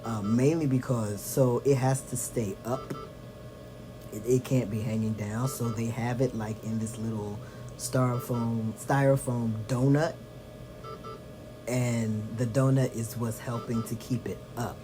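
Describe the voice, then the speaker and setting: A man talking casually in a personal video diary, in a subdued, tired way that trails off softly. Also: mid-range voice, fairly even intonation, unhurried, low-quality recording. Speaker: vlogger. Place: lying on back in a hospital bed. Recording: music behind the voice.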